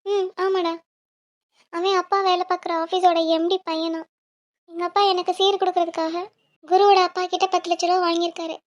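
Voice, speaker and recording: A woman voicing a quick-tempered young female student, sharp and worried for her family. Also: very high-pitched, little pitch movement, highs cut off, voice pushed up.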